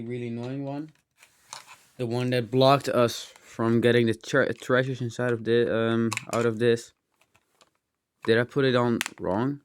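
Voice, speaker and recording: There's a little hiss or hum behind this medium-pitched man as he takes apart electronics for his hobby teardown video in a cluttered room at home. He rambles in casual hands-on commentary with a slightly dry, strained throat, muttering asides and voicing mild exclamations while thinking aloud.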